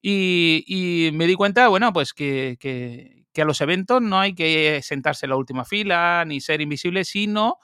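Guy chatting as a guest, animated storyteller, slightly high voice, dry sound. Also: smooth, no room sound. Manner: lively, animated, quick asides and laughs. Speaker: interview guest. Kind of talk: casual storytelling.

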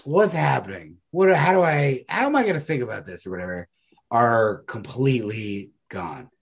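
This man's voice sits at a medium pitch, gravelly and a little rough, with lively intonation and a moderate pace. Co-hosting a podcast, he talks over a story casually and analytically, rambling emphatically and saying "like" constantly.

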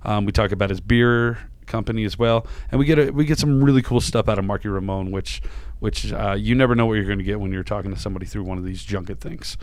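A man hosts a casual podcast of chat and interviews, rambling with plenty of fillers and restarts, sounding tired and a little dry-voiced. His voice is on the low side, fast, with hardly any pauses and no echo.

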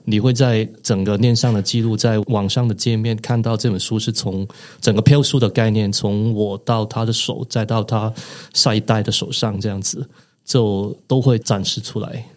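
A man, an author and podcast guest, explaining his ideas thoughtfully with frequent pauses. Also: lowish voice, fairly even intonation. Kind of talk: podcast interview.

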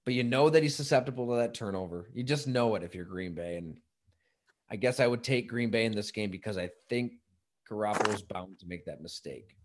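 Man giving relaxed, conversational sports commentary. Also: fairly low pitch, brisk. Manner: conversational, thinking aloud with broken-off sentences. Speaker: football commentator on a sports talk show.

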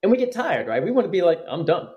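A man in a conversational podcast interview, his slightly high voice rising and falling with lively energy. He talks earnestly, restarting phrases as he works through his thoughts. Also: racing, dull audio. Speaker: psychologist guest.

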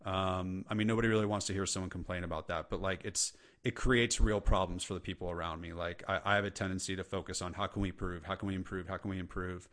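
Middle-aged guy on a podcast, kinda low voice, earnest and emphatic, says man a lot. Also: steady tone, fast talker, hardly any pauses, fairly bright tone. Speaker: guest, leadership coach. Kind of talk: podcast interview conversation.

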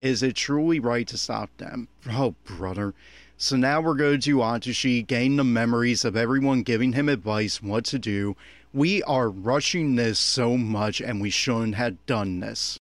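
Here a medium-pitched man talks at a measured pace, with no echo, giving unscripted commentary on an anime episode. He comes across as exasperated, critical and opinionated.

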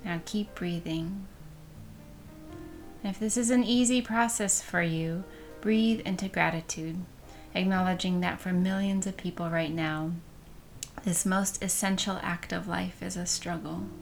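A woman leading a guided meditation in a soft, soothing manner, with breath showing at the ends of phrases. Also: on the low side, measured pace, gravelly, faint music behind.

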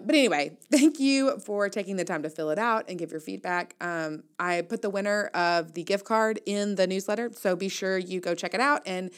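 This audio newsletter host is a woman with a medium-pitched voice. She reads out her casual commentary in a playful, wry, chatty manner.

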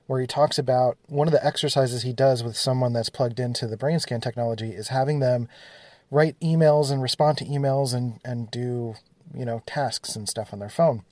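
A man's voice: mid-range voice, steady tone, normal speed, a little mellow, no echo. A man hosting a solo podcast, thinking aloud casually with plenty of fillers, recorded on a phone in his studio. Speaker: podcast host.

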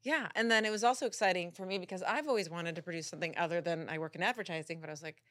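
A woman's voice: on the low side, very fast, a bit bright, dry recording. A woman from San Diego with a Southern Californian accent, telling casual anecdotes as a podcast guest in an informal way, full of "like" and quoted self-talk.

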